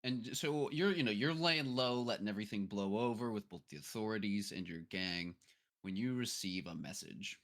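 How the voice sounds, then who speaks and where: A man's voice: fairly low pitch, expressive, fairly bright tone. A man narrating as game master of a tabletop role-playing game, in a casual manner with fillers. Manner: casual, with fillers and drawn-out names.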